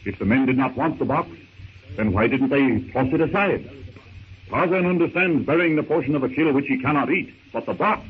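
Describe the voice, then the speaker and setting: In a thin, noisy 1930s radio recording, a man narrates an adventure serial in a theatrical, suspenseful, declamatory style. His medium-pitched voice sounds narrow and tinny, and the acting is light.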